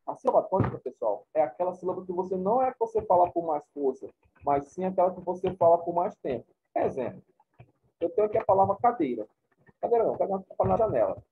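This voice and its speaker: A man's voice: high voice, big pitch swings, fast talker, vocal fry, breathy edge. A man teaching a class, explaining points informally and often checking in with his students. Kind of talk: classroom lecture. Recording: tinny phone-like recording.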